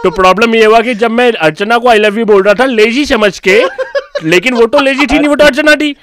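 A man's voice: very high-pitched, moderate pace, background noise. A man running a radio prank call, talking over the other caller in a bossy, insistent way.

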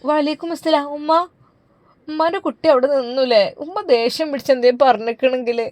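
A woman voicing a gentle, soothing young pregnant daughter with a Malabar Malayalam accent. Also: high voice, a little fast, no echo, pitched above the performer's own voice, natural voice. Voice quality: soft, soothing. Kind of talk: storybook narration.

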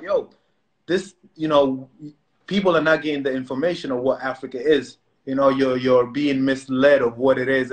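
A middle-aged man from South Sudan, telling his story in casual chat on a phone video call, with many restarts and "you know"s. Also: medium pitch. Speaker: co-host. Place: indoor room at home. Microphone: phone camera video call.

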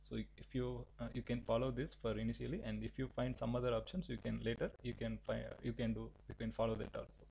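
A man teaching a software tutorial, giving halting step-by-step instructions with frequent restarts. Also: mid-range voice, little pitch movement, creaky, husky, lo-fi sound. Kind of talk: screen-recorded software tutorial.

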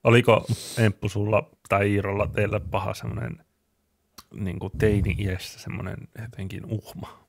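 A man co-hosts a relaxed podcast and chips in with quick playful remarks. His voice sits low and has a gravelly edge. The sound is close and dry. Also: no echo. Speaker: podcast co-host. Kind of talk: casual chat.

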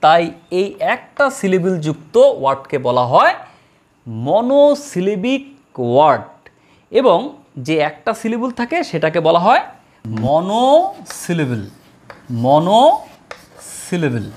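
A woman teaching an English grammar lesson, slowly drawing out model words and repeating them for her students. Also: on the low side, very animated. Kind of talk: classroom lesson.

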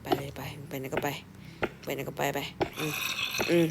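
A man giving casual gameplay commentary, excitable, muttering repeated words to himself and swearing when startled. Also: on the high side, moderate pace, gravelly, heavy background noise. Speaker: gameplay streamer. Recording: loud background music under voice. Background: loud game music.

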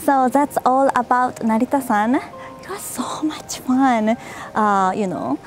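Slow-talking woman vlogging outdoors. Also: high voice, soft background music. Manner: exclaims often, laughs a lot, searches for words. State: out of breath. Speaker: travel vlogger. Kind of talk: casual walking vlog. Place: outdoors at a temple with many steps.

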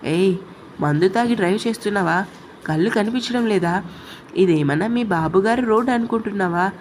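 A woman's voice: medium pitch, normal speed, a little mellow, a little hiss or hum, close to an everyday voice. A woman voicing a stern young man who speaks curtly and scolds. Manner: curt, scolding.

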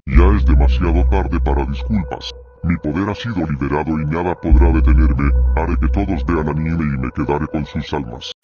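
A man voicing a menacing, grandiose supernatural villain, a boastful anime overlord in an animated comedy. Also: very deep voice, normal speed. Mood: threatening. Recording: muffled sound with faint music behind.

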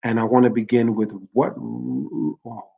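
A man's voice: fairly low pitch, fairly even intonation, normal speed, a little mellow, dull audio. A man hosting a livestream, giving an earnest, reflective talk on literature and often restarting phrases to correct himself. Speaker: livestream host discussing literature. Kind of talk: informal literary talk with read-aloud excerpts.

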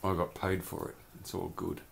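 A man's voice: low voice, completely flat delivery, moderate pace, gravelly. A man casually reviewing a collectible toy in a rambling, chatty vlog from his home beer cellar. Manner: chatty, rambling, loose slang.

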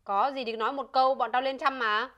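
An actress playing a brash, loud young village woman who talks in a dramatic, wailing way. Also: high voice, fairly even intonation, fairly quick, highs cut off, close to an everyday voice. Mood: scolding.

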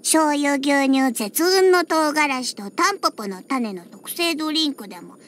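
A feisty little catgirl bartender who hates alcohol grumbles in a high, bright, childlike, cutesy voice, pouty and huffy, with cat-like verbal tics. Her intonation is lively and her pace a little slow. It's Japanese anime game character acting with background music.

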